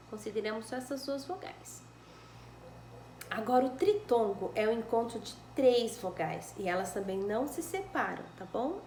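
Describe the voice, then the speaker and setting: Brazilian woman teacher, fairly high voice, patient and clear with kids; roomy home recording. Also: a little hiss or hum. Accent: Brazilian Portuguese. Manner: patient, explains slowly, checks with "né?" and "tá bom?". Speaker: primary school teacher. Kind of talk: recorded lesson correcting homework.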